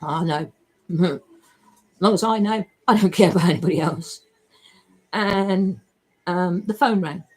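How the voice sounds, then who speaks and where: A woman's voice: fairly low pitch, measured pace, long pauses, a little mellow, husky. A woman in a rambling, emotional personal monologue, swearing freely as she talks.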